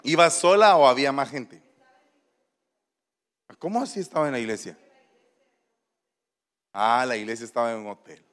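A man's voice: medium pitch, moderate pace, pauses often, a bit bright. A man, preaching to a congregation and teasing them with questions. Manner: playful, teasing, coaxing questions. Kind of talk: interactive sermon with congregation. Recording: long hall reverb.

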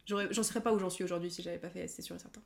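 A young woman from France chatting casually as a guest, talkative, laughing often and filling pauses with "euh". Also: on the low side, fairly even intonation, gravelly. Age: young adult. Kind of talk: casual chat.

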